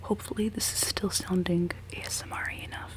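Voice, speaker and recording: This ASMR creator, a woman in her twenties, keeps a steady tone and a slightly quick pace. Her voice sits decently low as she whispers and giggles through a rambling chat while applying makeup.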